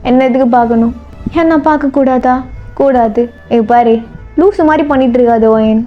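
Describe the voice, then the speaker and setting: A woman's voice: high-pitched, normal speed, muffled recording, soft background music, lightly acted. A woman voicing a brusque, teasing young man in a storybook role-play, talking bossily and curtly. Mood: gruff. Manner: gruff, bossy, teasing.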